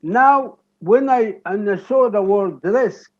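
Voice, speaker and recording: A man with an Egyptian Arabic accent giving an academic lecture, explaining deliberately and checking in with "okay?". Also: high voice, lo-fi sound.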